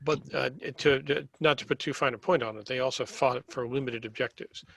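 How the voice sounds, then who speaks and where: A man speaks at a middle pitch in a casual panel discussion. He builds careful, measured points and often qualifies what he says. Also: fairly even intonation, vocal fry, fairly bright tone, a little hiss or hum.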